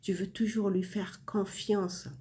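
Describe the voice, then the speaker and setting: In her spiritual vlog, a woman in her forties offers inspiration to viewers before bed, chatting intimately and directly with lots of fillers. She has a warm, mid-range voice that moves slowly with little change in pitch.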